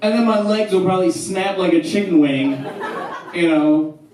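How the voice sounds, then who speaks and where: A man's voice: high voice, normal speed. A man in his thirties doing a loose, rambling stand-up comedy set, laughing between his jokes. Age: 30s. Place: small theater stage with audience. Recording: echoey room from far off, crowd noise.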